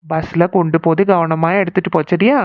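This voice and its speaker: A woman voicing a practical middle-aged husband in a cartoon, asking steady, matter-of-fact questions. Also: on the low side, a little fast, no room sound, pitched below the performer's own voice, natural voice. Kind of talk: Tamil cartoon dubbing. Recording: slightly dull lo-fi sound.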